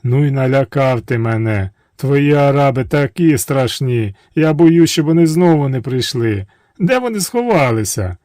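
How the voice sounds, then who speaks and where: A tricky young princess from a storybook tale, as a male narrator puts her on, shrill and high-pitched. Her cries leap up loudly, and she coaxes and pleads. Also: lively intonation, normal speed, no room sound, clean studio sound. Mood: fearful.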